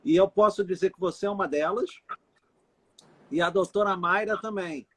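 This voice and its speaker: A man's voice: sits high, moderate pace, a bit bright, husky. A man hosting a casual live stream chat, speaking earnestly and reflectively. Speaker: live stream host, lawyer.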